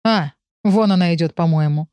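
A woman's voice: lowish voice, moderate pace, warm tone, smooth, no room sound, lightly acted. A woman doing a mocking, grumpy male pet. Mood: scolding. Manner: mocking, scolding. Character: grumpy, sensible male pet animal, lecturing.

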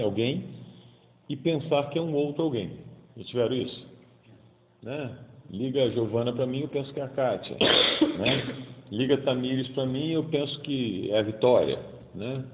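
A Carioca man in his fifties delivers a relaxed daily homily. His pitch rises and falls freely, and he slips into the voices of the people in his stories. The sound is narrow and tinny, and it echoes around a large room. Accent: Carioca Brazilian Portuguese. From Rio de Janeiro, Brazil. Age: 50s. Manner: colloquial, acts out voices in stories. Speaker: preacher.

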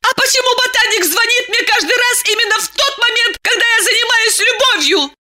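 A woman voicing a shrill, hysterical young woman. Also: animated, slow pace, pushed and bright, full character voice. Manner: shrill, crying out.

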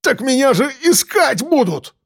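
A man voicing a desperate, bitter young male drug addict who shouts accusations and pleads. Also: extremely high pitch, big pitch swings, measured pace, vocal fry, breathy edge, no room sound, studio quality, pitched above the performer's own voice, exaggerated voice. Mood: panicked.

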